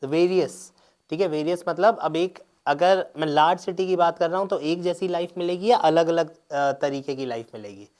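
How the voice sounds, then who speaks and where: A teacher works through an exam paper in a lecture, explaining answers step by step, mixing Hindi and English, and checking in often. His voice is a little high and darkish, at a moderate pace.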